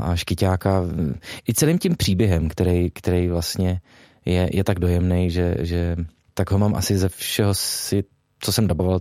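A man's voice: sits low, mellow, no echo, clean studio sound. A man, a voice actor being interviewed, speaking hesitantly with many fillers and restarts. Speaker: voice actor guest. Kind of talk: interview chat.

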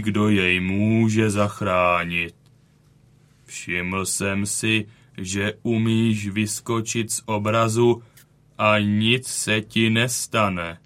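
A man voicing a wounded old male bison from a cave painting in a children's audio story. He speaks slowly, with weary dignity. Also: lowish voice, bright, forceful tone. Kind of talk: audiobook character reading.

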